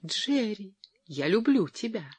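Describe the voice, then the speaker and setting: A reader voicing an excitable, romantic young wife in an audiobook, with an exclamatory manner. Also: mid-range voice, fairly quick, dry recording. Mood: gushing. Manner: breathless, exclamatory. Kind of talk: audiobook character voice.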